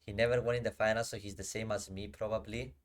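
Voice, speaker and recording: This young man from Cyprus has a Greek Cypriot accent and a lowish voice, talking fast with a flat delivery. He streams casual commentary on his card game matches, chatting with viewers in a slangy way, speaking to chat and often muttering.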